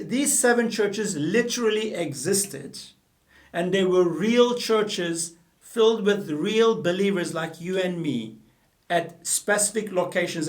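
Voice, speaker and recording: The mic is far from this middle-aged man from Turkey, whose high voice carries a Turkish accent. Addressing the camera in a small studio room, he teaches the Bible with earnest two-handed gestures, often repeating and self-correcting.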